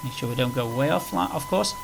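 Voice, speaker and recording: Through a clearly noisy recording with background hum, a flight simulator presenter talks fast in a medium-pitched voice. His commentary is casual and unscripted, an easygoing ramble as he plays and explains like a tutorial.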